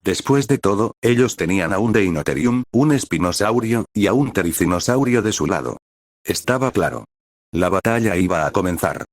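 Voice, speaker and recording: A man narrating a fantasy adventure story in a steady, measured reading. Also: low-pitched, dry recording, clean studio sound.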